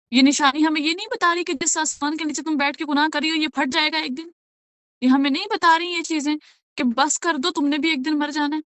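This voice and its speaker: High-voiced woman giving an earnest religious lecture. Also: fairly bright tone, no room sound. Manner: earnest, asks rhetorical questions, checks with "okay?". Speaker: Quran teacher.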